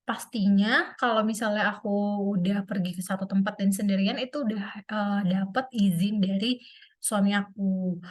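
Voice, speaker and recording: A young woman chatting casually to her viewers in a vlog, with many fillers and a relaxed, talkative manner. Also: medium pitch. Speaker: vlogger. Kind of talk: casual chat to camera.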